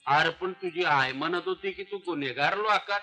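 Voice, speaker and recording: An actor playing a loud, scolding village uncle, in an old film scene. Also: male voice, sits high, normal speed. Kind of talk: 1970s film acting.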